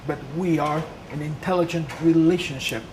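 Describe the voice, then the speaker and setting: A guest lecturer from Peru gives a public lecture with slides, speaking earnest second-language English. Her voice is low, her tone steady, and her pace moderate, against the hum of a noisy room.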